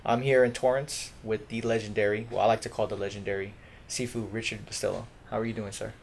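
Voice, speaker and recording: A man's voice: fairly low pitch, flat delivery, fast talker, gravelly, a little hiss or hum. Friendly male show host. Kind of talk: casual interview hosting.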